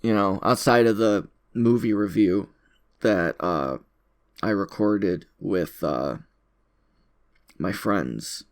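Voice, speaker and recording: A content creator records an unscripted audio log, talking casually in a low, slow voice broken by long pauses. He rambles, pokes fun at himself, and repeats his phrases.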